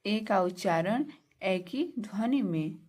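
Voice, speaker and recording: Slow, deliberate woman teaching pronunciation. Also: mid-range voice, expressive, darkish tone. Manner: spells words letter by letter and repeats meanings; asks and answers her own questions. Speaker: English teacher. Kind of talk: slow classroom lesson on pronunciation.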